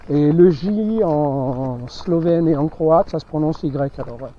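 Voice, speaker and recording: A man's voice: fairly high pitch, unhurried, mellow. A man giving casual running commentary outdoors in the countryside, chatting to his animals as he walks. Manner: chatty, talks to his animals while walking. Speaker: vlogger traveling with animals. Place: outdoors in a rural village and countryside. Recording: dull lo-fi outdoor audio with faint noise.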